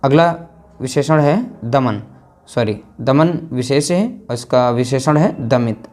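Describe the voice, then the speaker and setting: A man's voice: mid-range voice, darkish tone. A man teaching Hindi grammar, drilling through word pairs one by one and repeating each answer. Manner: slow, repetitive drilling with frequent "theek hai". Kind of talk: lecture, reading word pairs to students.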